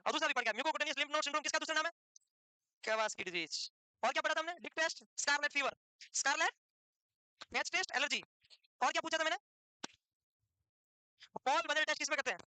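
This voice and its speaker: A male teacher lecturing his class in a brisk, scolding, teasing way. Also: very high voice, sharp tone, dry recording.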